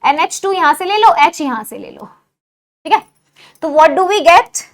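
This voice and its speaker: A woman giving an online exam-prep chemistry lecture. She mixes Hindi with English phrases and keeps checking with her students, asking if everything is clear. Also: extremely high pitch, big pitch swings, takes it slowly. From India. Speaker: chemistry teacher.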